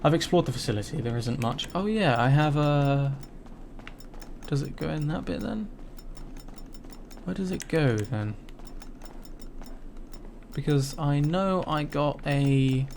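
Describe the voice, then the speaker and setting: A man's voice: fairly high pitch, lively intonation, slow, long pauses, darkish tone, a little hiss or hum. Young man rambling over gameplay. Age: 20s. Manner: rambling, mildly frustrated, swears casually. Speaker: gaming YouTuber. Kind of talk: casual gameplay commentary.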